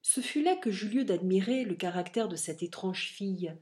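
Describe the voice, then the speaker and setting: Woman reading an old novel out loud, expressive audiobook narration. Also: mid-range voice, normal speed. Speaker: audiobook reader. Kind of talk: scripted narration of a classic novel.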